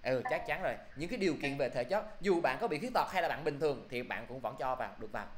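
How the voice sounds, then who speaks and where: A man's voice: mid-range voice, expressive, fast talker, a little hiss or hum. Guy teaching english review, quizzing the class, keeps asking "got it?", echoey room. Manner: quizzing students, repeating "được chưa?".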